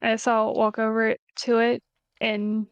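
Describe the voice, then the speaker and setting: A woman's voice: on the high side, completely flat delivery, a little slow, clear, resonant tone, dry recording, lo-fi sound. A woman playing a tabletop game, tentative and casual as she describes her actions. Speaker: player.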